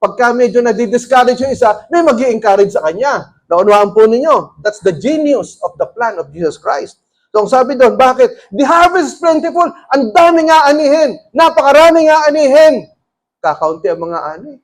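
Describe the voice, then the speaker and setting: High-voiced pastor telling stories. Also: male voice, normal speed. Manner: lively, conversational, often laughs. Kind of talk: storytelling sermon.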